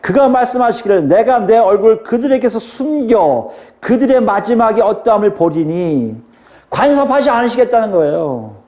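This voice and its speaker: A male pastor preaching an animated sermon. His voice sits high and rises and falls widely as he explains and questions the congregation. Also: moderate pace.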